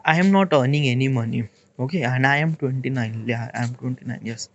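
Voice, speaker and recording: A man in his late twenties with an Indian English accent, thinking aloud in a rambling, halting monologue and checking in with "okay?" as he goes. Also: medium pitch, highs cut off. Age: 20s. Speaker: vlogger. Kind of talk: casual reflective monologue.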